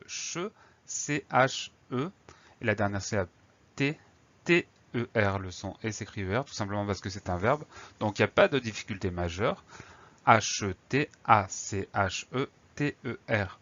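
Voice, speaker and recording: A man teaching a spelling lesson, slowly spelling out words letter by letter. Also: fairly low pitch, a bit bright, muffled recording.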